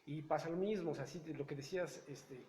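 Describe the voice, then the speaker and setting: Man co-host, mellow higher voice, story recap, echoey room. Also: brisk. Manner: retelling a story with many restarts. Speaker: book club co-host. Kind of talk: casual book chat. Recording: echoey room with faint noise.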